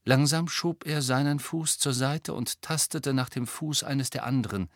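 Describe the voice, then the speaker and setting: A man narrating an audiobook in a measured, even storytelling voice. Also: mid-range voice, no room sound, clean studio sound. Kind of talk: scripted narration.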